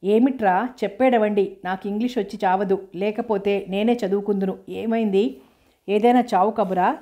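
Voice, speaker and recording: Woman reading a panicky mother near tears, mellow, flat. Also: mid-range voice, moderate pace, close to an everyday voice. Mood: frantic, tearful. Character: anxious, tearful village mother.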